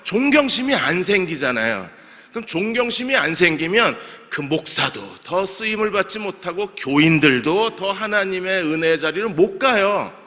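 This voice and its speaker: A man's voice: fairly high pitch, pushed and bright. A male senior pastor preaching an expository sermon, asking the congregation questions and answering them himself in an emphatic, preacherly way. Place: church sanctuary. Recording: long church-hall reverb.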